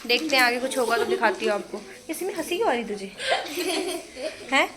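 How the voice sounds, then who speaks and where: A young woman with a fairly high voice chats to her phone camera from home, casually mixing in English words. A faint hiss of room noise sits under her voice. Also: expressive, a little fast. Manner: chatty, talks straight to camera, mixes English words. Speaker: vlogger and home tutor. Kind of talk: casual daily vlog. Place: home, indoors.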